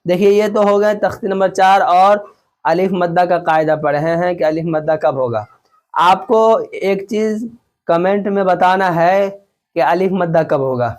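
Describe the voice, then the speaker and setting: A man teaching Quran reading in an online lesson, spelling out letters and syllables slowly, then explaining quickly and checking that students follow. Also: high voice. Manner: repeats and checks understanding often.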